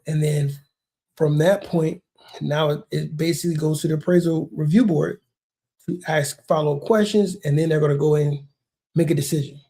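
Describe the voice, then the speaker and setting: Man, gravelly, mellow tone, casual realtor explainer, repeats himself, says bro. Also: on the high side. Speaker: realtor and video host. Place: lives near a large Texas city.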